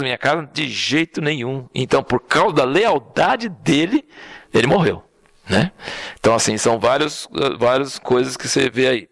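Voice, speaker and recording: A man's voice: medium pitch, gravelly, dry recording. A man preaching an informal sermon, telling the story conversationally and often checking in with "right?" and "understand?". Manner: conversational, animated storytelling with frequent "né?" and "entendeu?".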